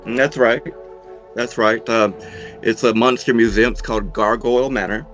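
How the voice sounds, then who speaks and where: A middle-aged man in a casual interview, talking in an unhurried, folksy way with dry humour, as a horror host. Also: mid-range voice, steady tone, a bit bright, faint music behind. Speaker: horror host and monster museum owner being interviewed.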